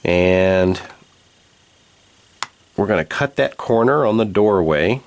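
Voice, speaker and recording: Slow, deep-voiced man explaining board game moves. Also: animated. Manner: measured, thinks aloud while checking moves. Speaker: host playing a tabletop board game. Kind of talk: playthrough commentary explaining rules.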